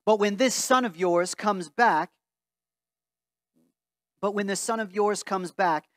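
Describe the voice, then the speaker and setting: A man in his thirties who pastors a church stands before a stained-glass wall in the sanctuary, preaching and earnestly reading scripture aloud from a Bible. He speaks slowly in a high, slightly bright voice, with a dry, studio-quality recording.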